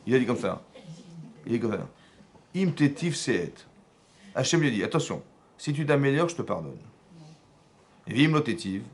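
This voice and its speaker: A rabbi with a French accent and a mid-range male voice teaches a lively religious class in a synagogue classroom. He is animated, acting out dialogues and putting questions to the audience.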